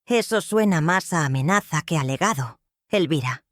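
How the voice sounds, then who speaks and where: A woman's voice: sits low, animated, moderate pace, no room sound. A woman voicing a weary older father in a storybook drama, dry-spoken.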